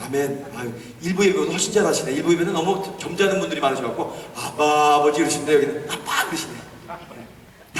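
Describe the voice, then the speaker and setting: Older male pastor, passionate sermon delivery, echoey sanctuary sound. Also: sits high. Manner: fervent, rising to shouts, calls for amens. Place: church sanctuary. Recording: echoey hall, distant mic.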